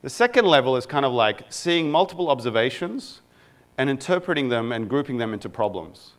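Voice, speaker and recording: His medium-pitched voice has a sing-song quality and moves a little fast. An Egyptian product manager, he's giving an informal conference talk to a live audience, peppered with fillers and self-deprecating remarks.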